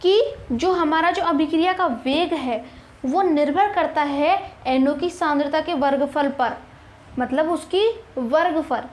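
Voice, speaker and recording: A young, high-voiced woman teaches chemistry online, taking each problem one step at a time in an unhurried way. Addressing her students as kids, she reassures them often and poses rhetorical questions throughout.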